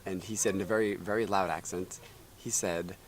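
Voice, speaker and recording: A man in his thirties, co-hosting a casual chat show and telling stories in a lively way. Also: sits low, brisk. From United States. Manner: lively storytelling, chuckling. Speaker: co-host. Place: outdoor backyard.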